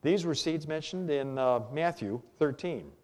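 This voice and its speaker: A man's voice: fairly high pitch, lively intonation, measured pace, a little mellow. A male pastor preaching a sermon, telling a story and reading scripture aloud in old-fashioned wording.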